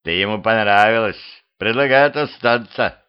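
A man voicing a gruff, practical cemetery watchman who talks bluntly and impatiently, on a dull lo-fi home recording. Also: lowish voice, normal speed, lightly acted.

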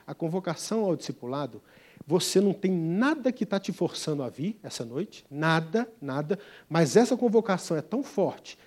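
A middle-aged man, a pastor and missionary, preaching a sermon as an emphatic storyteller, swinging from loud to hushed. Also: a little high, slightly rough.

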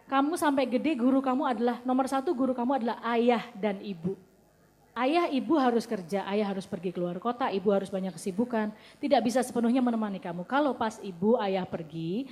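Woman guest, slightly high voice, anecdotal and firm, echoing hall. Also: darkish tone. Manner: anecdotal, quotes her children, firm. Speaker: guest speaker, mother. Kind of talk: casual talk to audience. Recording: long hall reverb.

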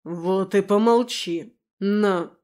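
A woman reading as a calm, curt werewolf man. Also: medium pitch, extremely slow. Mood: dry. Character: calm dry-witted male werewolf in human form. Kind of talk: audiobook character voice.

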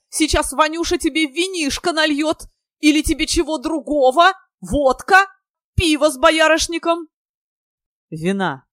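A woman voicing a boisterous young man who shouts his jokes and roars with laughter. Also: high voice, no room sound, clean studio sound, voice pushed up. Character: loud guffawing young man, boisterous joker.

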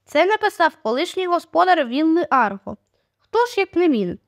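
A woman voicing a subdued, thoughtful boy who speaks in a hushed way. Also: very high-pitched, very animated, normal speed, pitched above the performer's own voice, exaggerated voice. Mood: explaining. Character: quiet, thoughtful boy, withdrawn brother.

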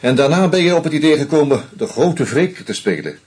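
On the high side and sing-song, this darkish voice moves fairly quickly with a breathy edge. A man acts as Hans, the bitter drunk who narrates a radio play in first person and confronts a murderer with sarcasm.

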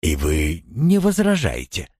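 A man voicing a commanding wealthy gentleman who speaks softly, slowly and insistently to a woman. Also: low voice, wildly swooping pitch, dry recording, studio quality, pitched below the performer's own voice, full character voice. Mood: coaxing. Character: commanding wealthy older man, tenderly coaxing.

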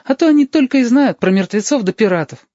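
A man doing a high pleading young girl. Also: expressive, fast talker, mellow, no room sound, muffled recording.

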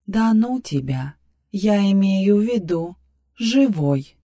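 A woman voicing a capricious female artificial intelligence who lives in the hero's head, talking softly and musingly in an audiobook. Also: medium pitch, expressive, slow. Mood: playful. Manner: soft, musing, wheedling. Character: capricious female AI partner inside a man's head. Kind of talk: audiobook character voice.

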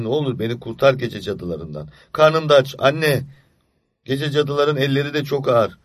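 A man reads as a small boy gripped by night terrors, his raised voice rushing and breathless with panic. The sound is close and dry, with no room around it. It is storybook narration, tense and urgent throughout. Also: mid-range voice, no room sound, voice pushed up, close to an everyday voice. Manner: breathless, panicky inner monologue. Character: frightened young boy lying awake at night. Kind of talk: audiobook story reading.

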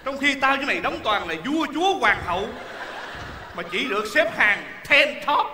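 A man's voice: very high-pitched, sing-song, normal speed. An actor playing a hungry, forgetful male folk-opera actor in a stage comedy sketch, whiny and pleading. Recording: echoey hall stage recording with crowd noise.

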